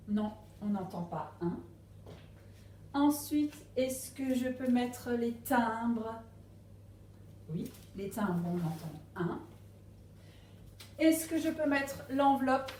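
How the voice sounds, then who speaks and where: A woman teaching a phonics lesson to young children at a distance, speaking slowly and patiently and stressing each syllable. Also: a little high, a little mellow, roomy sound, slight background noise. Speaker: primary school teacher. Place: classroom with a board.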